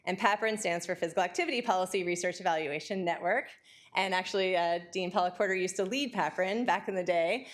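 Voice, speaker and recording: A woman giving an academic lecture, talking quickly and excitedly with frequent fillers and restarts. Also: fairly low pitch.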